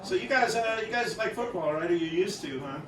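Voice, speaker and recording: A middle-aged male comedian of Greek heritage works a private party, rambling and teasing the crowd. His voice is animated and sits a little high. It sounds distant in an echoey room, with loud party ambience behind him. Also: a little fast. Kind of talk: stand-up comedy. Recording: roomy distant party recording.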